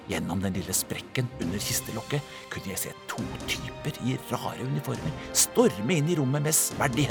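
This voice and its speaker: A man reading a children's adventure story aloud as an audiobook narrator, with lively, dramatic storytelling. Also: medium pitch, husky, no room sound, clean studio sound. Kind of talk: expressive scripted narration of a children's book.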